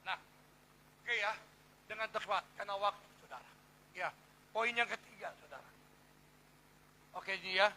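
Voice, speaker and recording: A middle-aged man preaching a sermon to a church congregation, shifting between hushed, intimate asides and loud, emphatic declarations. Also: high voice, moderate pace, pauses often. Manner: testimony-style preaching, repeats "saudara", swings between hushed and loud. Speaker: pastor. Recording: gravelly voice over clear background hum.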